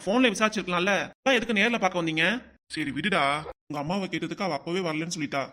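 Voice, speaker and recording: Guy doing a lecturing cartoon father-in-law, fairly high voice, rattles on fast. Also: bright, forceful tone. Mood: scolding. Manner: scolding, lecturing. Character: stern older village father-in-law.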